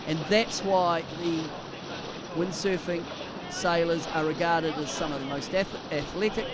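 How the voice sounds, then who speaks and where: A man giving expert live commentary on a sailing race, explaining technique with frequent halting restarts. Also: on the high side, steady tone, heavy background noise.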